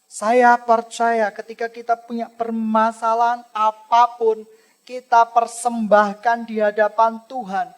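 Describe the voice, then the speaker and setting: A male pastor, preaching an animated sermon that swings from loud emphasis to soft asides. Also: very high voice, a little slow.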